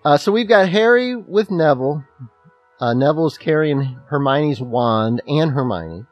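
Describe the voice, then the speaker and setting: Male podcast co-host, slight lisp, animated and rambling, very expressive pitch. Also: a little slow, highs cut off, soft background music. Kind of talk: casual chat about a book chapter.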